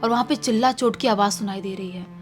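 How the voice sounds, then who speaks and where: A woman telling a horror story dramatically, dropping to a hush at tense moments. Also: mid-range voice, quick pace, faint music behind.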